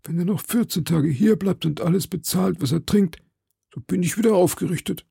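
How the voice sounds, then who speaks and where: Man putting on a raised, thin fretful innkeeper, gravelly, storybook reading. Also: high-pitched, moderate pace, warm tone, no echo, clean studio sound, pitched above the performer's own voice, heavily acted. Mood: muttering. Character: fretful male innkeeper, middle-aged, grumbling. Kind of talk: audiobook character voice.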